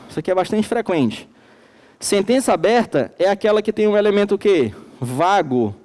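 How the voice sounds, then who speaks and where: A male teacher with a Manaus accent gives a recorded classroom lecture, leaning on each key word. His voice sits high yet sounds mellow and soft-edged. He keeps posing questions to the class and supplying the answers himself. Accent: Brazilian Portuguese, Manaus. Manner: slow and emphatic.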